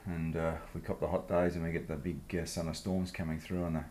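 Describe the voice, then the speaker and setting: A man's voice: extremely low pitch, little pitch movement, fast, darkish tone. An Australian man hosting a casual hands-on video in his workshop, explaining the job in a laid-back, blokey, informal way. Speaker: host of a machining project video series. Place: home workshop.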